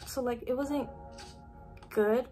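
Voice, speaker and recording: A woman's voice: a little high, steady tone, takes it slowly, dark tone, faint music behind. Chatty teen girl rambling to webcam. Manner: chatty, lots of "like" fillers. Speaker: vlogger. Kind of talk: casual chat to camera. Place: bedroom at home.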